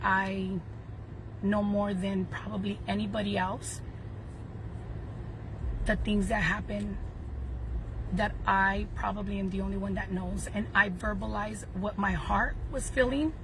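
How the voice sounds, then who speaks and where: A woman giving an earnest, hesitant apology on a live stream, filling pauses with ums. Her pitch is average. Clear background noise and passing traffic run under her voice. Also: steady tone.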